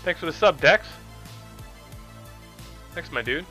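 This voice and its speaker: A man's voice: on the high side, animated, slow pace, over music. A man streaming a game live, chatting casually and swearing freely with his friends. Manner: loose, profane, chummy banter.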